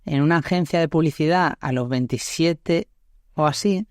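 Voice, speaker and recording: A woman in her thirties from Málaga, Andalusia, Spain, hosts a casual podcast chat in a low, slightly mellow voice at a moderate pace. She's chatty, laughs a lot, and uses plenty of tag questions. The recording is dry and studio quality.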